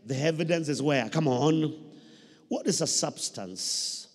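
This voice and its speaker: A middle-aged Kenyan pastor with a fairly high, husky voice preaches unhurriedly into a handheld microphone, repeating phrases for emphasis and putting questions to his congregation in call-and-response style. The sermon comes through the reverberant PA of a large indoor church hall.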